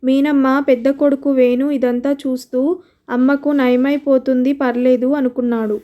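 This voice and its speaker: A woman storyteller reading a scripted story in a steady, even way. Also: sits high, moderate pace.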